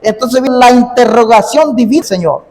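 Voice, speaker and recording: A man's voice: very high-pitched, brisk, darkish tone. A man preaching a sermon as pastor, repeating his phrases and stopping often to say amen and ask if you see. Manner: repeats phrases, punctuates with "amén" and "¿ves?". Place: church sanctuary. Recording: long reverb of a large hall.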